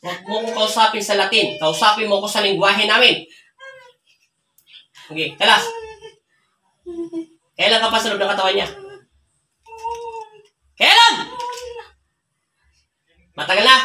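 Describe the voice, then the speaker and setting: A woman's voice: fairly high pitch, pushed and bright. A woman folk healer performing an exorcism, commanding and taunting a spirit and repeatedly ordering it to leave. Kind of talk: forceful spoken exorcism ritual. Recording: echoey room, mic from far, audible background noise.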